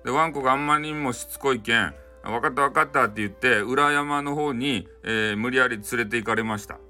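A man's voice: mid-range voice, brisk, sharp tone, soft background music. A man telling a folk tale in Hakata dialect as a bedtime story, in a loose, rambling way with many fillers and offhand asides.

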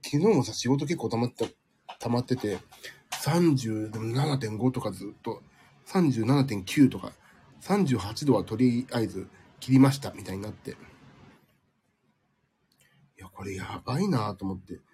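A man's voice: mid-range voice, normal speed, pauses often, warm tone, a little hiss or hum. A man hosting a casual live stream from home, chatting with listeners in a sleepy, rambling, self-deprecating way, slightly nasal from a cold. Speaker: livestream host.

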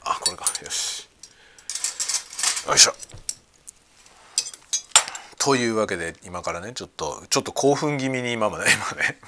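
A man hosting a casual podcast chat, talking excitedly at home while he cooks and eats lunch. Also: lowish voice, a little slow, vocal fry, long pauses, a little hiss or hum. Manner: excited, talkative. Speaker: podcast host. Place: at home, cooking and eating lunch.

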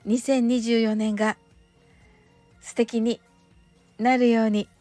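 A woman hosting a relaxed radio show, speaking politely and gently, slowing down for careful English phrases. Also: a little high, no echo, soft background music. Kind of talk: relaxed scripted radio talk with English lessons.

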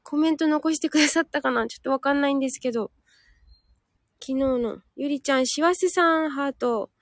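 A woman's voice: high voice, brisk, no echo, studio quality. A woman hosting a live audio stream in a casual, chatty way, reading listener comments aloud and catching her own slips.

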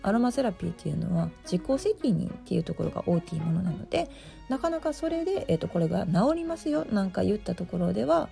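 A middle-aged woman with a gravelly, just-woken hoarse voice, chatting casually and self-deprecatingly as the host of a solo show. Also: mid-range voice, sing-song, fast, warm tone, faint music behind. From Osaka, Japan. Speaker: host, aromatherapy shop presenter.

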